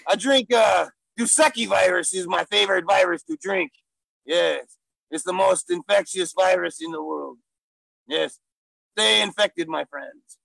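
A man puts on a gruff male gorilla stand-up comic with a gravelly, rough voice. He talks in broken English, bragging and silly, with loud bursts on the jokes. The sound is close and dry. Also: sits high, animated, a little slow, no echo, heavily acted, low-quality recording. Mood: boastful. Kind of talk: improvised comedy character interview.

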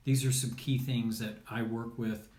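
A middle-aged man speaks as a performance coach on a live broadcast, in a medium-pitched voice. He fills his instruction with ums and uhs and restarts, checking in with listeners as he goes. The room around him is clearly echoey. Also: level tone, measured pace, darkish tone. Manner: checks in with 'okay?' and 'all right?'. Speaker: high performance sports coach.

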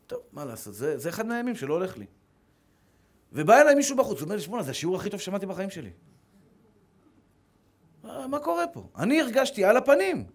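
High-voiced emphatic male preacher. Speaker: rabbi giving a Torah lesson. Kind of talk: religious sermon.

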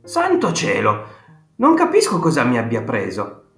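A man voicing an excited ninety-six-year-old grandfather who tells stories with eager, emphatic exclamations, in a roomy audiobook recording with faint guitar music. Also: medium pitch, moderate pace, creaky, full character voice. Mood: enthusiastic.

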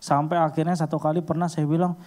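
A man giving a casual storytelling sermon, acting out little scenes with sudden leaps in pitch. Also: fast. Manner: animated, acts out little scenes with sudden high jumps in pitch.

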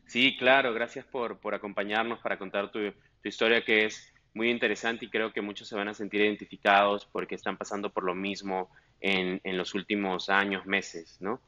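A man's voice: lowish voice, flat delivery, moderate pace, hardly any pauses, bright, forceful tone, highs cut off. A man hosting a news podcast for immigrants, asking questions in a friendly way with short affirmations. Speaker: podcast host. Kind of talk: podcast interview and ad read.

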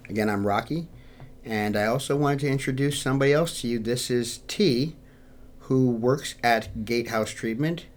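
This American man from New York hosts a podcast, chatting with listeners in a mid-range voice at a moderate pace. His manner is informal, sincere, personal and straightforward.

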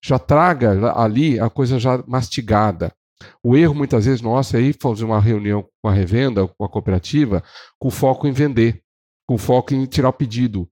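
A Brazilian man co-hosting a podcast, giving casual sales advice in an animated way, shifting his pace and acting out what clients say. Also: medium pitch, normal speed. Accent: Brazilian Portuguese. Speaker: podcast co-host.

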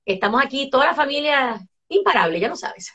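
A middle-aged woman from Venezuela with a Venezuelan accent, telling family stories as a guest in a casual interview, lively and full of fillers and restarts. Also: high-pitched, moderate pace, lo-fi sound. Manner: animated storyteller, many fillers and restarts.

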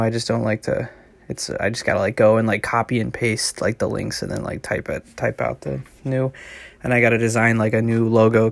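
A man talks alone into a close microphone in a dry, dead-sounding space, rambling from one thought to the next and padding almost every phrase with "like." He sounds a little out of breath. His voice sits at an ordinary male pitch. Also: creaky, no echo. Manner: rambling, heavy use of filler "like". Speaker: podcast host. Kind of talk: casual rambling monologue.

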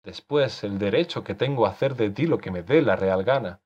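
Man doing a low, husky irritable author who scolds sharply; dull lo-fi audiobook sound. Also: brisk. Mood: indignant. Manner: exasperated, scolding. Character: irritable older male author scolding his creation. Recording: dull lo-fi recording.

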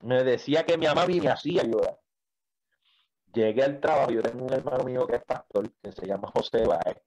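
A man tells his faith testimony in an interview, in a warm, mellow voice of medium pitch. He tells it with animation, acting out the dialogue with pauses and repeated words. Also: dull audio. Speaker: preacher telling his testimony.

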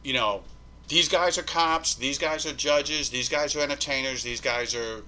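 This poor audio carries a little hiss or hum under a man's mid-range voice at normal speed. Appearing as a podcast guest, he tells a story with plenty of cursing and animated impressions of whoever he's quoting.

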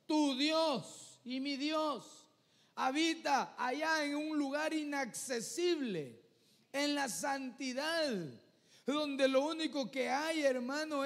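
A man delivering a sermon in a notably high voice, earnest and conversational. He keeps turning to his listeners as brother and asking for their nod. His voice rings with the long reverb of a church hall. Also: creaky. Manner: addresses listeners as "hermano", keeps asking "¿verdad?"; earnest, conversational preaching with vivid examples. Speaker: preacher.

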